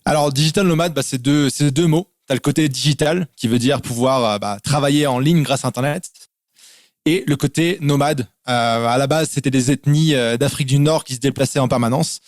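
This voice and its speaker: French guy chatting relaxed, lots of euh and bah, dry close sound. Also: mid-range voice, brisk, dry recording. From France. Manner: relaxed, explains in lists with many fillers. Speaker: guest. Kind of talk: casual interview over a call.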